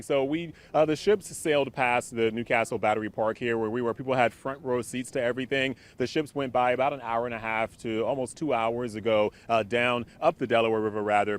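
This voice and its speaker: A male TV news reporter giving a live field report, talking conversationally with some filler words. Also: mid-range voice. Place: outdoors by a river.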